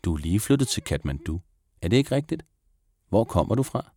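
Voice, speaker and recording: A man voicing a kind adult female schoolteacher in a storybook reading, gently coaxing. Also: on the low side, very animated, dry recording, clean studio sound, voice pushed up.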